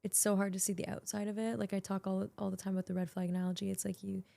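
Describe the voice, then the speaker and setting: A woman's voice: medium pitch, level tone, very fast, gravelly, warm tone, dry recording. A young woman hosting her own podcast, talking casually and emotionally in a small studio, full of filler likes. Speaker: podcast host. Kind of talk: casual reflective monologue.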